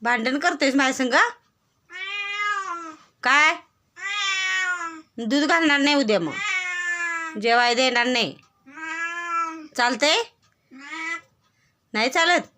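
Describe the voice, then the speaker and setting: A woman's voice: high-pitched, takes it slowly, long pauses, pushed and bright, slight background noise. A woman vlogger talking to her pet in a casual way, mock-stern and coaxing, repeating short commands.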